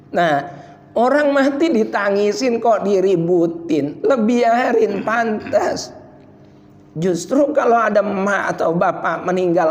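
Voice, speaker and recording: A male preacher with a somewhat high voice delivers a lively, joking sermon at an evening study session. He mimics other people's voices and swings between loud and soft. His voice rings out in a long reverb over a faint background hum. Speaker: Islamic preacher. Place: prayer room.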